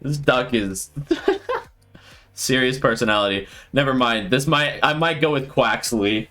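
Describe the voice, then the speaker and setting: A man streaming live and thinking out loud with casual commentary, laughing often. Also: medium pitch, big pitch swings, slow pace. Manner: thinking aloud, frequent laughter.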